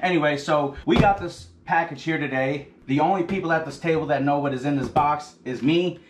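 A dad hosting a family unboxing vlog at home, chatting casually in a joking, rambling, excitable way. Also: male voice, a little high, a little fast. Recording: echoey room with background noise.

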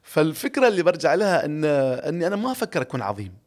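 Man, 40s, Emirati Arabic accent, rapid speech, slightly high pitch, animated storyteller, studio mic. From Ras Al Khaimah, UAE. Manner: animated, gestures a lot, laughs often, reflective. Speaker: podcast guest, broadcaster. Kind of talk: casual storytelling interview. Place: podcast studio, indoors. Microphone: studio boom mic close up.

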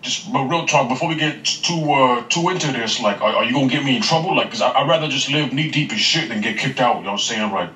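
A man's voice: medium pitch, fast, few pauses, sharp tone. A man making a casual, slangy prank phone call, stammering and repeating himself as he talks. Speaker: prank caller. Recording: roomy, distant playback with noise.

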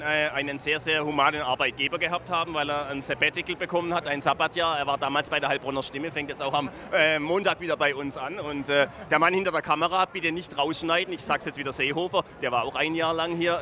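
A man's voice: fairly high pitch, sharp tone. A middle-aged man hosting a live panel talk on a handheld microphone in a beer tent. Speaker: TV talk show host. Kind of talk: lively live panel moderation. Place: busy festival beer tent. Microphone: handheld reporter microphone. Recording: background noise of a busy tent.

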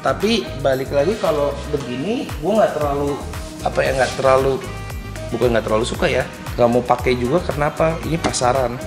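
A man's voice: medium pitch, fairly quick. A young man with a Jakarta Indonesian accent, chatting casually and explaining things in slangy speech. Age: young adult. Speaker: helmet collector showing his collection. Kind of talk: casual chat. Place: semi-open room by a yard. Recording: echoey, music behind.

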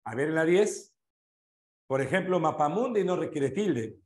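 Slow-talking Peruvian teacher, echoey room. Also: male voice, a little high, expressive. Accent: Peruvian Spanish. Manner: checks answers item by item, asks students questions. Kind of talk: online exam review class.

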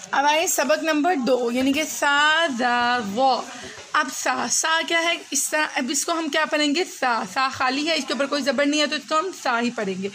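A young woman teaching a beginner Quran reading lesson, slowly sounding out letters and asking simple questions as she goes. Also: high-pitched, fairly bright tone, a little hiss or hum. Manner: slow, patient, spells out letters and asks questions.

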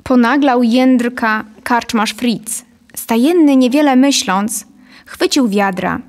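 A narrator in her thirties takes it slowly, her voice a little high, as she reads a scripted story. She is indoors in a small, dark studio, close to a boom-mounted studio condenser microphone.

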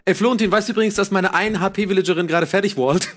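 A man playing on a game show who talks excitedly and swears while reliving his mistakes. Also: high voice. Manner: rushed, animated, swearing. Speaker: player guest. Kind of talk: excited casual banter.

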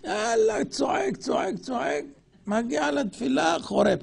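With vocal fry in his voice, a rabbi lectures on religion in a fiery, mocking tone, shooting out rhetorical questions. His delivery lurches from loud outbursts to quiet murmurs, and crowd noise can be heard.

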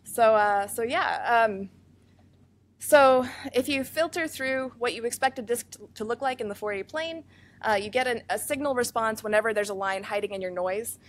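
A woman scientist giving a conference research talk, explaining fast and earnestly, with many fillers and self-corrections, over a microphone in a room with speakers. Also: a little high. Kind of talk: academic conference presentation. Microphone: microphone feeding room speakers.

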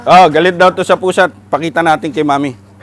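A man with a Filipino accent, a dog trainer coaching an owner outdoors with calm, repeated short commands. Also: fairly high pitch, a little fast, soft background music.

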